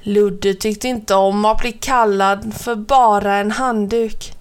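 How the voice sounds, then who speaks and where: A woman narrating a children's story in a gentle, expressive way. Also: mid-range voice, smooth.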